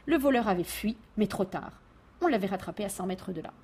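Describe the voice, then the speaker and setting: A woman reading a children's tale aloud, with expressive, animated narration. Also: medium pitch, a little fast, slightly rough. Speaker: storyteller.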